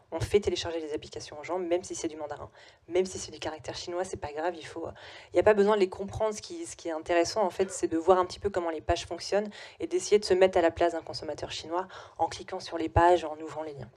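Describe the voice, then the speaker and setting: A young adult woman, a company CEO, gives a talk at a business conference and fields questions. Her voice sits on the low side and is steady and darkish, and she talks fast, though she hesitates a lot, restarting often and filling gaps with "euh."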